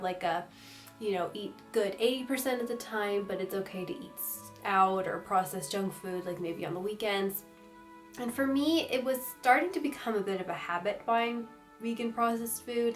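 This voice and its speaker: A young woman vlogging casually about her food, chatty and rambling, with the hiccups. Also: medium pitch.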